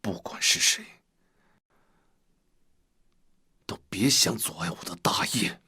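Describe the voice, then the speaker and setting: A man's voice: fairly low pitch, expressive, moderate pace, fairly bright tone. An actor playing a scheming, ambitious man who snaps in anger and then mutters in cold whispers. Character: scheming ambitious male schemer, middle-aged.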